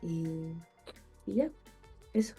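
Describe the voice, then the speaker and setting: A woman's voice: low voice, animated, drawn-out words, mellow, faint music behind. A woman with a nasal, blocked-nose voice gives a spiritual motivational monologue as a podcast host, speaking in emphatic, repeated phrases.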